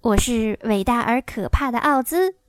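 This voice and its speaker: A woman voicing a timid little old man who pretends to be a great wizard, speaking in a hushed, pleading way. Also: fairly high pitch, expressive, normal speed, dry recording, clean studio sound, natural voice. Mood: trembling.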